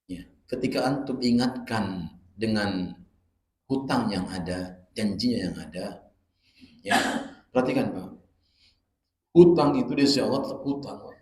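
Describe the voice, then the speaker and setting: A man preaching a casual dawn study sermon, swinging from soft asides to loud exclamations. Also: on the low side, measured pace, pauses often. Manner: animated storytelling with acted-out quotes. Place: prayer room. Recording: echoey prayer room.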